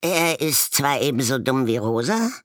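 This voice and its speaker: A man voicing a sardonic, grudging yellow-dotted male raven in a storybook fable. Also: medium pitch, expressive, normal speed, dry recording, clean studio sound, voice pushed up, natural voice.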